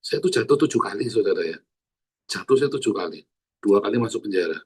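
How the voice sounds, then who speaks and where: A male pastor, preaching in an animated, earthy way and calling out to the congregation. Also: lowish voice, fast talker, slightly rough. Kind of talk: sermon.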